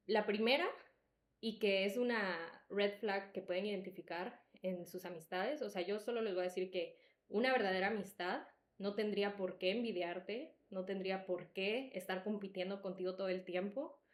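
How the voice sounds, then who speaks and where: A young woman hosts a podcast, sharing personal stories in a candid, emphatic, conversational manner. Her Salvadoran accent is softened by Mexican influence, and she speaks at medium pitch and normal speed. The recording sounds like an echoey room.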